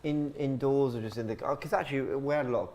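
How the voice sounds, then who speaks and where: A man co-hosting a football watch-along talks quickly and eagerly. His pitch sits in the middle of the range as he chats and cheers on good plays. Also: steady tone, a little mellow. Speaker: co-host. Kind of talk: casual football chat.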